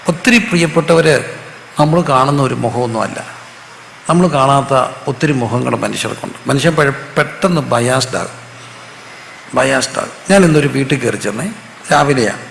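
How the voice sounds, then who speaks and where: Man, pastor, sermon, call-and-response, gravelly, echoey church hall. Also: medium pitch, normal speed, a bit bright, a little hiss or hum. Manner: call-and-response preaching, asks the audience to repeat answers; storytelling with humor. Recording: echoey hall with faint ambience.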